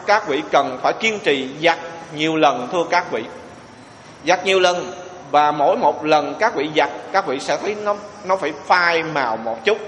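A man's voice: on the high side, a bit bright, a little hiss or hum. A man giving a Buddhist sermon, putting rhetorical questions to his listeners with emphasis. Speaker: Buddhist monk. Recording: echoey hall with long reverb.

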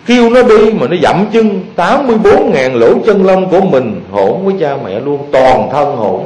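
Lively monk preaching. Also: male voice, fairly high pitch, a little hiss or hum. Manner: lively storytelling, often asks the audience questions. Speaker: Buddhist monk giving a dharma talk. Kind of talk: sermon to lay followers. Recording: echoey hall.

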